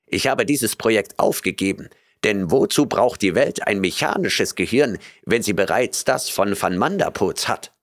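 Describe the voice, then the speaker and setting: A man's voice: lowish voice, lively intonation, moderate pace, hardly any pauses, no echo, clean studio sound. A man voicing a vain, condescending elderly professor in an audiobook, with a pompous, self-satisfied manner.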